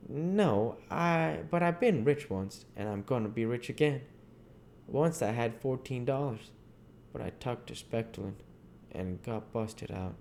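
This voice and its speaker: A man voices Jim, an earnest, superstitious runaway in the old American South, in a storybook character reading. Pitched up, slightly mellow and with vocal fry, he sounds proud, animated and measured, his speech folksy, emphatic and heavy with dialect, over audible background noise.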